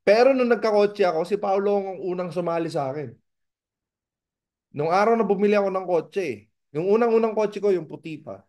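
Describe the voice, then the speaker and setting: A man from the Philippines giving a motivational seminar talk as a business mentor, animated and asking the audience rhetorical questions. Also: high voice, a little fast. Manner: animated, acts out dialogues in raised voices.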